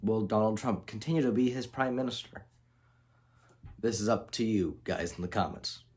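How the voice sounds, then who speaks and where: A man with a lowish voice tells an imagined history in a loose, off-the-cuff way. He trips over words, backs up and corrects himself as he goes, like someone speaking from rough notes. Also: moderate pace, a little mellow. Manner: casual, many restarts and self-corrections. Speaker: channel host narrating an alternate-history scenario. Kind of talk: unscripted storytelling narration.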